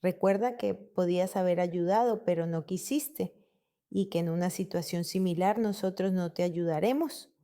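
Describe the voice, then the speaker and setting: A woman's voice: fairly low pitch, normal speed, warm tone, lightly acted. A woman reading the messages of a spiteful brother who speaks with scorn. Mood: scornful.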